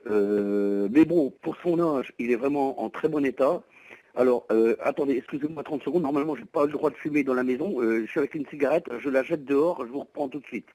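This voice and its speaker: Speaking by telephone from his home, a private seller of a used van gives a polite, long-winded, hesitant explanation. His mid-range voice is warm and a little fast, the low-quality recording has no room sound.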